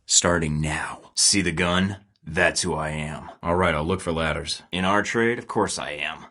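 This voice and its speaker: In these video game voice lines, a man with a low, bright and forceful voice takes his time, playing a wry young spy who never loses his cool. He talks in a dry, sarcastic, clipped manner that sounds like radio chatter from the field.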